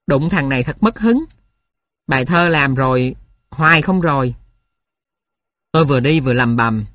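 A woman narrates a first-person story, with a steady storytelling pace. Her voice sits low for a woman. The recording is dry and close, with no room echo. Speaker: audiobook narrator.

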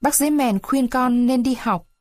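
An eager little wooden puppet boy, as a woman reader puts him on in a storybook, high-pitched and childish. He talks in a pleading, earnest way. The sound is dry and close. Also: normal speed, no echo, close to an everyday voice. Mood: earnest childlike. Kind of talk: storybook read-aloud.

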